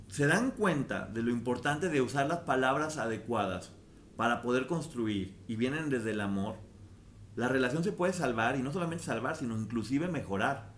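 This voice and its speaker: A man's voice: mid-range voice, a little hiss or hum. Earnest man in an echoey room. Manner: earnest, explaining with examples. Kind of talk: casual book discussion. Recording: roomy echo with faint ambience.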